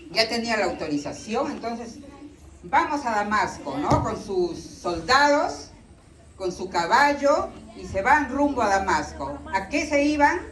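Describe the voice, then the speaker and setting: A woman's voice: a little high, very animated, a little slow, a bit bright. A woman telling a Bible story to a group, often asking her listeners questions. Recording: echoey room from far off.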